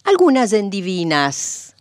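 A woman reciting proverbs, riddles and rhymes in a slow, deliberate manner, her pitch rising and falling with feeling. Her voice sits fairly high and sounds close and dry. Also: sing-song, dry recording. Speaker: presenter of folk sayings.

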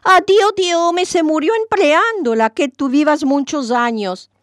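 A woman's voice: high voice, a little slow, no room sound, studio quality, pitched above the performer's own voice. A woman voicing a sly male trickster who answers in a playful, mock-innocent tone in a told folk tale.

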